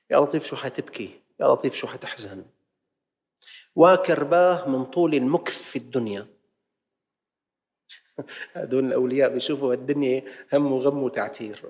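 A man preaching to a congregation in a mosque. He slips from quick colloquial speech into slow, drawn-out classical quotations and acts out the questions of worshippers. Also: medium pitch, darkish tone. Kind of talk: lesson-sermon to a congregation. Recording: long hall reverb.

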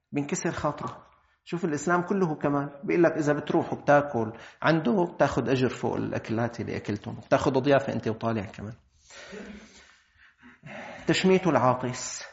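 Fast-talking Syrian religious teacher. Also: male voice, medium pitch, dull audio. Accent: Syrian Arabic. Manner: lively, acts out everyday dialogues. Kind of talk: colloquial religious lesson.

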